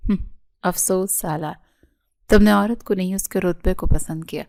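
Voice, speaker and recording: A woman's voice: on the low side, creaky, a little mellow. A woman reading the lines of a stern, sarcastic older head of the family.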